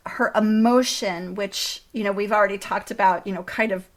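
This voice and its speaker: A woman interviewer speaking conversationally, with thoughtful and measured phrasing. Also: medium pitch, fairly even intonation.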